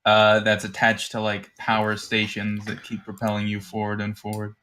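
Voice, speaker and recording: A man's voice: on the low side, completely flat delivery, moderate pace, pushed and bright, a little hiss or hum. A man narrating a tabletop game as game master over a voice call, loose and rambling with lots of fillers.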